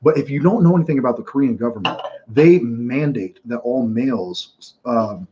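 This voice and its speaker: A man hosting casual live fight commentary from home, telling stories in a rambling, animated way with many restarts. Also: mid-range voice, moderate pace. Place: home room watching fights. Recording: dull lo-fi sound.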